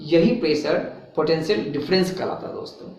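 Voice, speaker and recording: Animated male physics teacher, echoey room. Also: on the high side, fairly quick, recorded from a distance, faint music behind. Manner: animated, addresses listeners as friends, uses sound words for motion. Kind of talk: explanatory classroom lecture. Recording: roomy echo, dull lo-fi sound, faint hiss.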